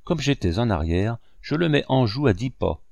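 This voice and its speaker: A man narrating a first-person memoir in a steady, measured way. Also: mid-range voice, vocal fry, dry recording, studio quality. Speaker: audiobook reader.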